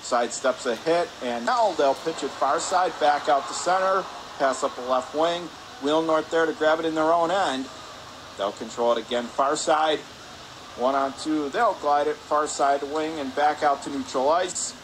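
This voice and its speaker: A play-by-play announcer with a voice on the high side calls ice hockey live on radio from the stands of an indoor rink. He speaks at a moderate pace in clipped, running phrases that rise with the action, with rink noise clearly audible behind him.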